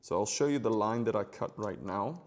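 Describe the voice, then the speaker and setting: A man's voice: on the low side, animated, normal speed, a little mellow. A man giving a magic tutorial in casual, playful card magician patter, chatting directly to viewers.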